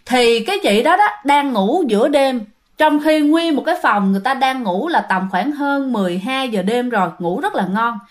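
A woman with a high voice and lively intonation tells a ghost story at a moderate pace. She's chatty and uses many fillers, often speaking directly to her listeners.

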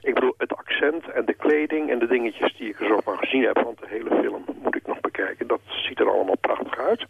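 A man on the phone as a church historian guest, explaining in a measured way with some hesitations. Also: mid-range voice, gravelly, phone-quality sound, a little hiss or hum. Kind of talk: phone interview.

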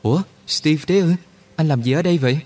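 A man voicing an excitable young male soldier who talks fast and his voice shoots up into high, agitated exclamations. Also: slightly rough. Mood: startled.

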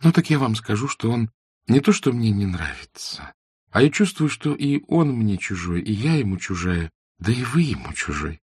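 A man voicing a shy, observant young woman in a classic novel audiobook, speaking softly and earnestly. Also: on the low side, big pitch swings, normal speed, husky, dry recording, clean studio sound, pitched above the performer's own voice. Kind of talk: audiobook character reading.

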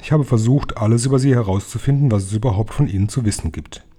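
A man reading as a gentle old grandmother. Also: on the low side, quick pace, slight background noise, lightly acted. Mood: tender. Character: 86-year-old grandmother, calm, loving and wise. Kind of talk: audiobook reading.

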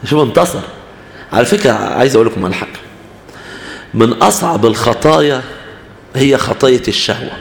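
A man with an Egyptian Arabic accent teaching a youth Bible class, asking the students questions and acting out examples. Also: mid-range voice. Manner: animated, asks the class questions, acts out examples. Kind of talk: lively church class talk. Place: church hall. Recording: echoey church hall with long reverb.

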